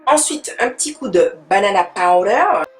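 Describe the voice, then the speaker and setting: A woman's voice: mid-range voice, animated, normal speed. A young woman, chatting casually through a makeup tutorial and dropping in English words. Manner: chatty, mixes in English words, repeats fillers. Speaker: beauty vlogger.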